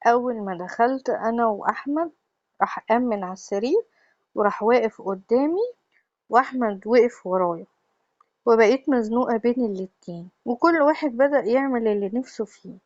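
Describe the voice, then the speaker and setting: A woman's voice: on the high side, expressive, brisk, darkish tone, dry recording, muffled recording. Egyptian woman narrating a confession. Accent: Egyptian Arabic. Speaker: storyteller. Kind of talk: first-person confessional story narration.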